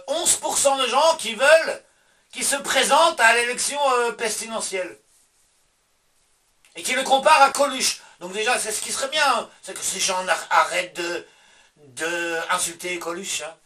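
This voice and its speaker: A man's voice: high-pitched, pushed and bright, far from the mic. A man with a Belgian French accent doing a sarcastic, swearing monologue vlog, answering himself in asides. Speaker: vlogger. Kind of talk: casual ranting monologue.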